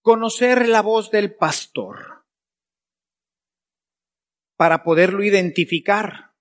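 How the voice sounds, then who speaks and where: Male priest, sermon, rhetorical questions, slightly high voice. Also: slow pace, a bit bright.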